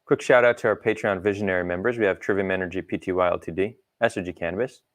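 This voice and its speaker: Low-voiced man hosting an online panel. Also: fairly even intonation. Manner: brisk, upbeat presenting with fillers. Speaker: host.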